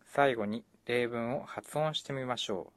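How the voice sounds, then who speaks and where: A man's voice: medium pitch, no room sound. Man narrating a scripted language lesson. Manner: measured, explanatory.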